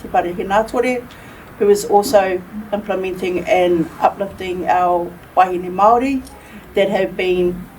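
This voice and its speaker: Measured New Zealand woman introducing herself. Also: mid-range voice, a little mellow. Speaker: panelist. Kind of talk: formal introduction then panel talk. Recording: distant mic with faint room noise.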